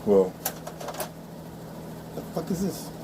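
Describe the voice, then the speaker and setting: A man's voice: medium pitch, big pitch swings, takes it slowly, background noise. A man telling a fight story casually and profanely while working on a bike outdoors, laughing as he goes.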